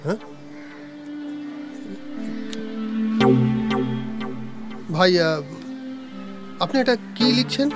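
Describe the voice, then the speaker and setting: A man's voice: high-pitched, animated, normal speed, music in the background. An actor playing a snobbish city man who is polite to a villager's face and then mutters contempt about him. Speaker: city passer-by. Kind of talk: comic film acting.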